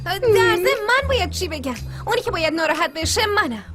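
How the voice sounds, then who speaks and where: A woman's voice: very high voice, animated, a bit bright. A woman dubbing a fretful, exasperated young woman in a TV drama. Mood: tense. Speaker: dubbing actor. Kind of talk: dubbed TV drama. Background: music.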